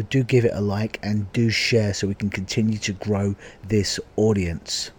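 A man with a low, husky voice that is giving out hosts a podcast. He talks casually and on his own to the listener, sounding like he is losing his voice. There is faint noise behind him. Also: a little mellow. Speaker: podcast host. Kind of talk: podcast introduction, casual monologue.

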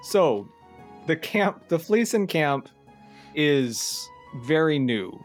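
A man's voice: on the high side, big pitch swings, drawn-out words. Male game master, plain explanatory delivery, faint music bed. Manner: explains rules plainly, with fillers. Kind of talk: narrating a tabletop game.

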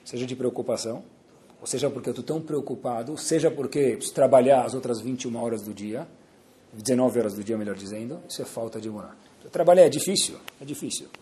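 A man giving a sermon in the manner of an animated storyteller, acting out the voices in his parable with big jumps in pitch. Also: quick pace. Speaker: religious teacher.

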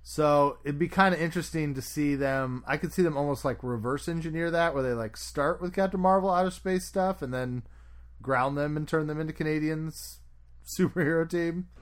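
A man in casual chat as a podcast host, his voice sitting a little higher than most men's. He talks in an opinionated, lively way and sometimes laughs mid-sentence. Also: moderate pace.

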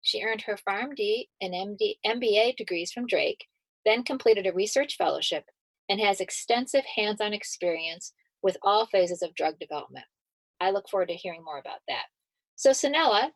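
A woman hosts an interview podcast with a measured, formal delivery. She reads prepared introductions and asks questions at a medium pitch, recorded close and dry. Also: lively intonation, dry recording, rough recording. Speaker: podcast host.

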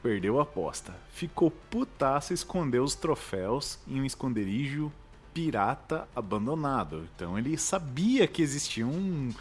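A man's voice: mid-range voice, sing-song, moderate pace, faint music behind. A man with a Brazilian Portuguese accent co-hosting a podcast, retelling a game's plot with mock drama. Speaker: podcast co-host. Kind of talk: casual comedic podcast banter.

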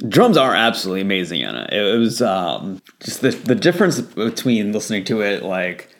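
A man's voice: fairly low pitch, big pitch swings, fairly quick. A man co-hosting a casual music talk show, enthusiastic and joking. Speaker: podcast co-host.

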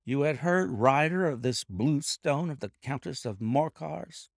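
A man reading aloud and voicing a calm, stern, commanding male detective in a cool, cutting, measured way. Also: a little high, gravelly, dry recording, studio quality, voice pushed up, heavily acted. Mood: coolly accusing. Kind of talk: audiobook character voice.

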